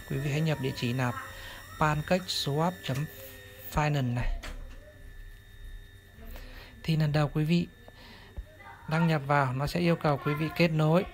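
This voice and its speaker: Polite tutorial host over steady background hiss. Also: mid-range voice. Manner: polite, addresses viewers formally, ends steps with "này". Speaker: channel host. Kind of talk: step-by-step screen tutorial narration. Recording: clear steady background noise.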